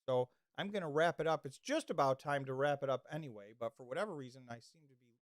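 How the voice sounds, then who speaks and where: Speaking fast at a medium pitch, a male livestream host chats casually, rambling with frequent restarts while reading comments from chat. His voice is going, and the studio-quality audio has no echo.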